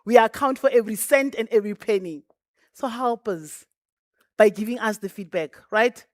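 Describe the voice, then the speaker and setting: A fairly high-voiced woman, speaking into a stage mic at a launch event. Her sound is close and dry, and she talks earnestly to the crowd, piling up thanks and humble requests with chatty asides. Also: normal speed, dry recording. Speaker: bank programme representative. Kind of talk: closing speech at a launch event.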